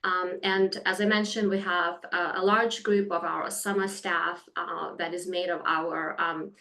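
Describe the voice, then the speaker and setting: A woman's voice: on the low side, flat delivery, a little slow, gravelly, sharp tone. A woman from Lithuania, a company founder, presenting a webinar over a video call in an earnest way, with many "um"s and slightly phrasing.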